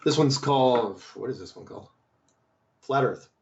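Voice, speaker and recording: A podcast host reads and answers listener mail in a casual, rambling way, asking lots of rhetorical questions. His mid-range voice is slightly hoarse and strained and moves at a moderate pace, and the recording is muffled.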